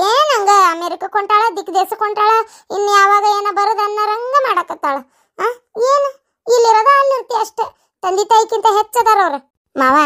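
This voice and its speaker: A woman's voice: very high-pitched, pushed and bright. A woman voicing fussing, consoling village relatives in a comedy cartoon, with a North Karnataka Kannada accent. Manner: scolding, consoling, folksy. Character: fussing family elders and relatives.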